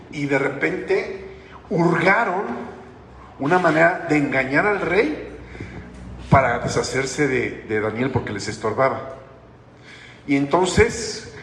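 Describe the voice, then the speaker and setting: A man's voice: fairly high pitch, a bit bright. A man preaching a sermon as pastor, in a conversational way that keeps asking the congregation questions. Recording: echoey hall with long reverb, faint noise.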